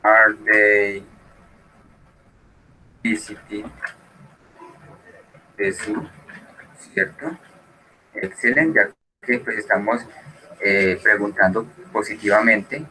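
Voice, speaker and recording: This is a man teaching an English lesson with a bright, forceful voice pitched a little low. He talks slowly and patiently, switching between Spanish and English as he walks a class through the exercises. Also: a little hiss or hum, poor audio. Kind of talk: online class explanation.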